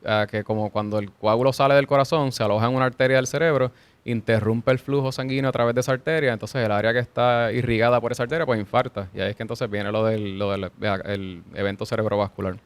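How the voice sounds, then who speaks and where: A man explaining heart rhythm problems as a cardiologist guest, measured and explanatory, with small restarts. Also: mid-range voice, steady tone, clean tone. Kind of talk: explanatory interview answers.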